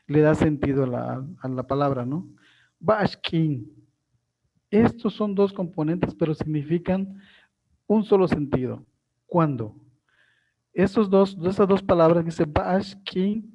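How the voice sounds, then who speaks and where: A male teacher explains a live online class, pausing often with fillers and restarts. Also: fairly high pitch, dark tone, lo-fi sound.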